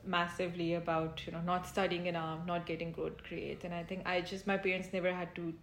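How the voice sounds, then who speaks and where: A young Pakistani woman in her twenties chats casually as an interviewee, full of fillers and easy laughter. Her voice is lowish with little pitch movement and a brisk pace, recorded in an echoey room with faint ambient noise.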